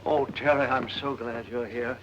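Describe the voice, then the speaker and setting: A man's voice: medium pitch, fairly even intonation, normal speed, close to an everyday voice. A man playing a worried, placating older uncle in a 1940s comedy film. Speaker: actor in a screwball comedy film. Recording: muffled, noisy, clicking old film soundtrack.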